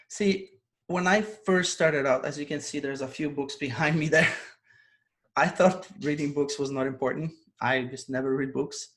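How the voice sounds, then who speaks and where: Speaking at a medium pitch with a fairly bright tone, this guest is an online business coach from Poland. He laughs a lot while earnestly recounting his story during a relaxed interview held over video call.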